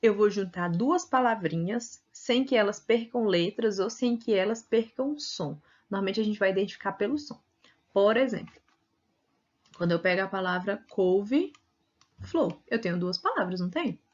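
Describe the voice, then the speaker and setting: Brazilian lady teacher explaining stuff slowly, keeps asking right?, kinda muffled sound. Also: mid-range voice, expressive. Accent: Brazilian Portuguese. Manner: explains patiently with frequent tag questions. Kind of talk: recorded video lesson.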